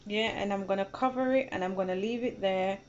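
A woman's voice: mid-range voice, a little fast, a little mellow. Chatty woman giving a home cooking tutorial. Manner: chatty, repeats instructions, addresses viewers as guys. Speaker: cooking channel host. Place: home kitchen at a gas stove. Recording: dull lo-fi phone audio with background noise.

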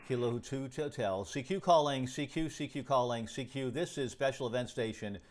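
A man's voice: mid-range voice, slight background noise. A middle-aged man, an amateur radio operator, making repeated ham radio CQ calls in the phonetic alphabet into a station microphone. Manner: repetitive, measured on-air calling.

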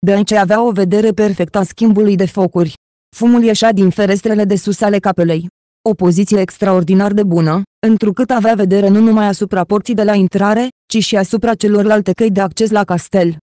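Mellow-voiced audiobook narrator. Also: medium pitch, fairly even intonation, no room sound, studio quality. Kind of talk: scripted narration.

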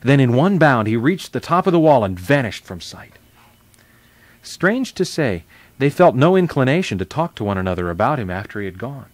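Expressive male storyteller on children's radio. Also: medium pitch, moderate pace, no echo. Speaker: children's radio show host. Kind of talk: reading a children's novel aloud.

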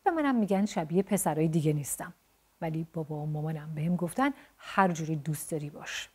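A woman voicing a gentle, shy and polite young boy in a storybook tale. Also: deep voice, breathy edge. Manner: soft-spoken and polite.

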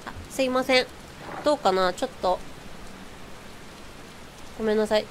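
Female game streamer, excitable and chatty, home recording with background noise. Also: on the high side, normal speed. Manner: excited shouting during boss fight; apologetic, chatty between fights. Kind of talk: live let's-play chat.

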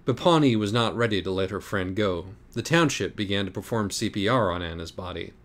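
A man narrating an audiobook in a deadpan manner. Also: on the low side, a little fast. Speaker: audiobook reader.

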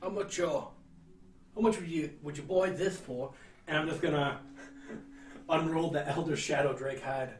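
A man's voice: on the high side, unhurried, long pauses. A man in his twenties chatting casually as a player at a tabletop game. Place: indoor panelled room, around a table. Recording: echoey room, distant mic, background noise.

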